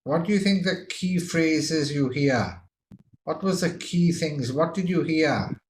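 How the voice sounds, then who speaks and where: A man teaching English one on one, patient and encouraging as he prompts his student along. He speaks at an unhurried, slow pace. Faint background noise runs under his voice. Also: on the high side, animated. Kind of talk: one-on-one language lesson.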